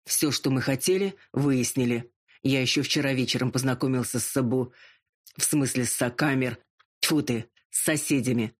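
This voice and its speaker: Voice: mid-range voice, lightly acted. A narrator voicing a haughty dragon lord. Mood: curt. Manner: drawn-out and pleading when drunk, curt when sober. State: drunk and drowsy. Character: arrogant male dragon lord, a gruff millionaire.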